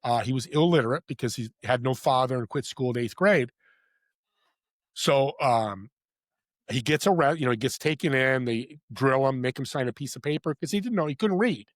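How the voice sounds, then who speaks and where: A man, a podcast guest who also hosts a podcast, telling motivational stories in an animated, heartfelt way that drops from loud emphasis to hushed quiet. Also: mid-range voice, moderate pace, no room sound, studio quality. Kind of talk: earnest motivational storytelling.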